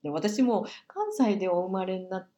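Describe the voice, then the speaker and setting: Woman interviewer, warm mellow tone, lots of small agreeing sounds. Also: medium pitch, lively intonation, moderate pace. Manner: attentive, frequent short backchannels. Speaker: podcast interviewer. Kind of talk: casual interview chat.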